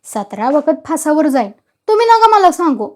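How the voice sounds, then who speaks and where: A woman voices a stubborn, hot-headed village husband who shouts in rough rustic speech, pitched high and loud, in a storybook reading. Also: very animated, normal speed. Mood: furious.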